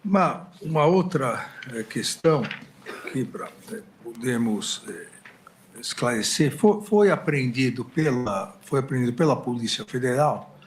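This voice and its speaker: A Brazilian judge poses formal questions to a defendant in a mid-pitched male voice. He halts constantly and fills the gaps with hesitations as he builds each question. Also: expressive, a little hiss or hum. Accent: Brazilian Portuguese. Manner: halting, full of filler hesitations.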